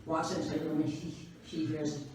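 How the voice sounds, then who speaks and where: Speaking in a low, level voice that's slightly mellow, this nonagenarian comic works a live cigar bar crowd at a moderate pace. Her jokes come unhurried, each with a dry punchline. The sound is echoey, distant and full of live-room noise.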